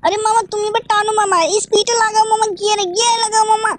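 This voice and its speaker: A woman voicing a whiny little cartoon boy who keeps pleading with his uncle in a quick, insistent way. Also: very high-pitched, little pitch movement, slight background noise, pitched above the performer's own voice. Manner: fast pleading, ends lines with "mama". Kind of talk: game role-play commentary.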